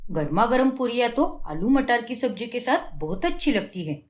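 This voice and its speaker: A woman's voice: on the high side, big pitch swings, normal speed. A woman voicing a rude, fault-finding young husband in a cartoon, talking in a complaining, scolding way. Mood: casual. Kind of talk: cartoon voice acting. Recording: roomy echo.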